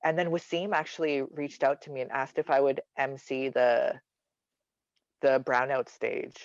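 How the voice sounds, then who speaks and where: A man who performs in drag, a podcast guest in casual chat, animated and self-mocking. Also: medium pitch, a little slow, no echo. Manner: animated, self-mocking, laughs between thoughts. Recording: dull, dry lo-fi recording.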